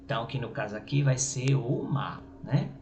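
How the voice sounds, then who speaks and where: A male teacher with a Brazilian Portuguese accent giving a grammar lesson, halting and repeating words, often checking with his listeners. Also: mid-range voice, expressive, music in the background. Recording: echoey room with faint noise.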